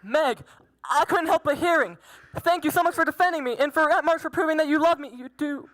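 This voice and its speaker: A woman playing a timid, lovesick young gentleman tutor in an amateur period drama, earnest and hesitant with a nervous stammer. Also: high-pitched, brisk. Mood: grateful.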